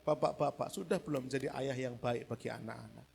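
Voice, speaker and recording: A man preaching a sermon in a church, acting out loud pleading voices and then dropping to hushed, reflective talk. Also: mid-range voice, fairly quick, vocal fry. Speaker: pastor. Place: church hall.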